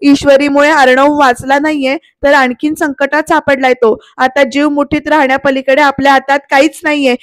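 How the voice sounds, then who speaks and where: A woman's voice: high voice, level tone, moderate pace, hardly any pauses, no room sound, natural voice. A woman voicing an insistent aunt who keeps pressing her warnings. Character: insistent alarmist aunt, stirring fear.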